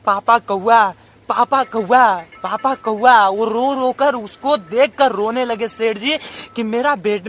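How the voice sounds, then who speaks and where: A man's voice: sits high, pushed and bright. A man telling a moral story and preaching in an emotional, repetitive way.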